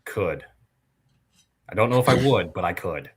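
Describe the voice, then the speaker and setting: A man's voice: low-pitched, animated, unhurried, background noise. A man co-hosting a casual sports podcast, trading dry jokes. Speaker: podcast co-host.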